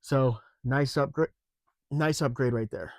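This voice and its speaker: An off-grid homesteading vlogger with a medium-pitched voice walks through repairs around his camper, both outdoors and inside it, on his rural off-grid property. He has the hiccups and speaks a little slowly in a relaxed, rambling way, with fillers and restarts, on a dry recording.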